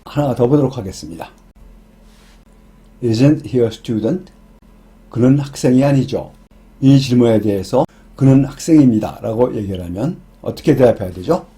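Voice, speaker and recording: A man explaining English grammar in a scripted lesson, reading each example sentence slowly and deliberately. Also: mid-range voice, animated, warm tone. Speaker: English teacher.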